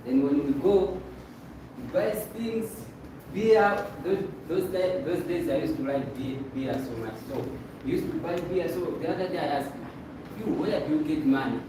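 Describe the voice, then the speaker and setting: A man's voice: on the high side, expressive, normal speed. A young man from Malawi telling a seminar audience how he got into a business, casual and joking. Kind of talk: testimonial talk to an audience. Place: meeting room with a projector. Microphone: far camera. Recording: echoey room from far off, noisy.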